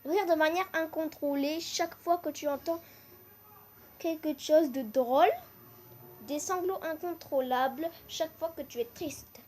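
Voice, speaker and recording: Reading would-you-rather options aloud in an unhurried way, this high-voiced woman hosts a gaming channel, bursting into excited shouts and returning again and again to a teasing catchphrase. There's a faint hiss or hum.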